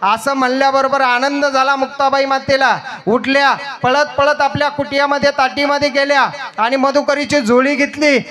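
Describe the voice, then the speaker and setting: Man, kirtan preacher, very high voice, bright and forceful, dramatic devotional storytelling. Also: level tone, normal speed.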